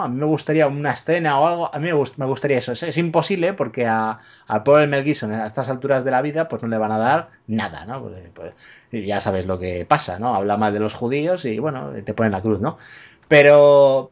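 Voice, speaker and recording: This podcast co-host's mid-range voice comes through a muffled recording. Talking about movies in a loose, rambling way, he curses freely and leans on fillers and tag questions.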